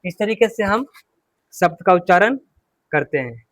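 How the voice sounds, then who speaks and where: A man's voice: high-pitched, animated, unhurried, a bit bright, no echo. A man teaching an English pronunciation class, drilling words one at a time and quizzing students to repeat them.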